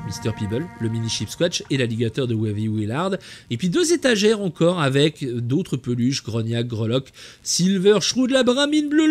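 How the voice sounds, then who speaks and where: This game channel host speaks with a fairly high, darkish-toned voice. He chats through a gameplay tour with playful enthusiasm and plenty of jokes.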